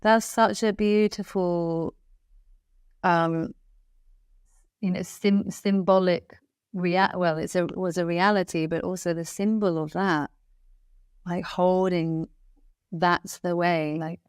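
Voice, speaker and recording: A woman's voice: fairly low pitch, a little mellow, smooth, no echo, studio quality. A woman speaking as a guest musician in an interview, talking in an earnest, flowing, reflective way and often repeating and restarting phrases. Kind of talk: reflective spiritual interview talk.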